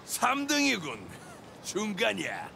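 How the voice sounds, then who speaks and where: Boisterous video game gang leader: gravelly, high, wildly swinging pitch, faint background noise. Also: male voice, huge pitch swings, takes it slowly, pushed and bright, heavily acted. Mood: boisterous, proclaiming. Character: boisterous male gang leader announcing contest results.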